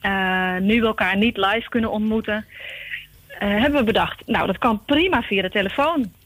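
A woman's voice: medium pitch, dry recording. Woman heard over a telephone line. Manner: calm and explanatory, with frequent "ehm" pauses. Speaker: guest from an organizing group. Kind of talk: radio phone-in interview.

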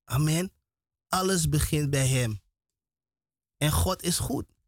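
A man gives a radio sermon in a fairly high voice. He talks emphatically and repeats himself, stumbling and restarting words as he goes. The sound is dry and close, with no room around it. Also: takes it slowly, no echo. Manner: emphatic, repetitive, with frequent restarts. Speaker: radio preacher.

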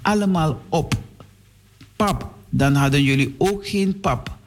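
A man's voice: on the high side, slow pace, slight background noise. A shy hungry schoolgirl, read by a man. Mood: timid. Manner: soft, timid.

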